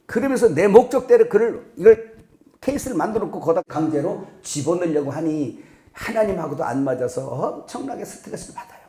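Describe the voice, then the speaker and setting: A middle-aged male pastor preaching a sermon in a conversational way, asking the congregation questions and now and then breaking into loud, sharp imitations of scolding parents. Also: sits high, expressive, a little fast, roomy sound. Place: church sanctuary.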